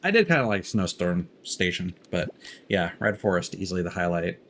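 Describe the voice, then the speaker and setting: A game streamer offers casual live commentary on his gameplay, thinking aloud through loose, candid asides over game music. His voice is low and a bit bright, with big pitch swings and a normal speed, and there's slight background noise.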